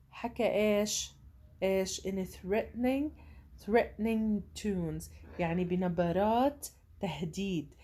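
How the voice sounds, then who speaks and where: Mellow-voiced woman teaching English. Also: medium pitch. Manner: reads English slowly, explains in Arabic. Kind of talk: bilingual reading lesson.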